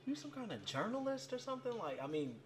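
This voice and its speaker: An awkward, rambling server. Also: male voice, very high voice, very animated, fast, over loud music. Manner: rambling, stammering, lots of fillers. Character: chatty, awkward male server and eager fan. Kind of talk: short film dialogue.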